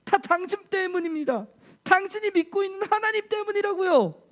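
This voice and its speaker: Woman playing a high, tearful, accusing widow. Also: expressive, a little fast. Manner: crying, pleading and blaming. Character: grieving widow mother, distraught and accusing.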